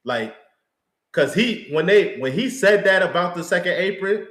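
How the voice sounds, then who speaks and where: A man's voice: high-pitched, expressive, normal speed, a bit bright. Man in casual slangy sports chat, roomy echo. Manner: laid-back slangy, fan talk, laughs easily. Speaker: sports talk co-host.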